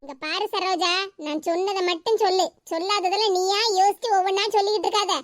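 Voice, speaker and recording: A woman's voice: extremely high pitch, fairly even intonation, fast talker, slight background noise. A woman voicing a patient, hardworking young wife in a cartoon, with a Tirunelveli Tamil accent and a pleading, mildly scolding manner.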